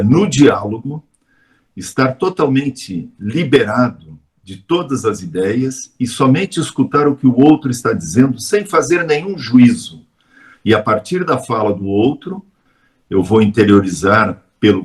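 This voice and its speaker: A middle-aged Brazilian man, a teacher, giving a measured, explanatory lecture in a live webinar, often adding tag questions. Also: mid-range voice. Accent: Brazilian Portuguese.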